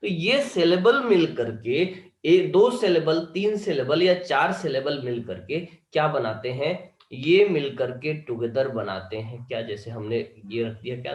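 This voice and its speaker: Male teacher, echoey room. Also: medium pitch. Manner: keeps asking students if they understood. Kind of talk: online lecture.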